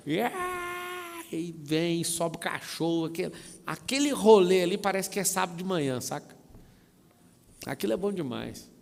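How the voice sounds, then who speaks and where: A man from Brazil telling family stories in a lively, slangy way, acting out little scenes, with echo around him. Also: high voice, normal speed, creaky. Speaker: mentor speaking on a live stream. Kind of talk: storytelling talk. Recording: long reverb, echoey room.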